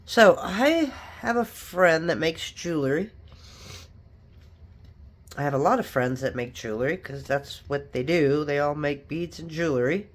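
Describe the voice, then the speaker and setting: A sniffly, stuffed-up crafter walks through a hands-on project in relaxed tutorial chat, perhaps battling a cold or allergies. Her middling voice has lively intonation but a measured pace, and the talk rambles with frequent asides.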